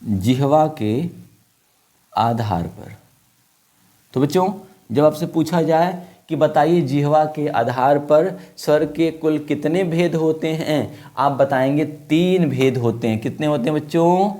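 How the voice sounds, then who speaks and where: Slow-drilling man teaching a class. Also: on the high side, dark tone. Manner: slow, repeating points and asking questions. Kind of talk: classroom lesson to children.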